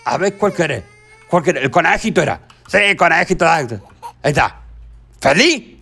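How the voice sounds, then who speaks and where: A man's voice: a little high, lively intonation, moderate pace, vocal fry, pushed and bright, slightly rough. A young man with a Rioplatense Spanish accent, joking and teasing his partner while commentating a game. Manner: teasing, playful, jokey. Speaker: gameplay co-host. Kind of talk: casual gaming commentary.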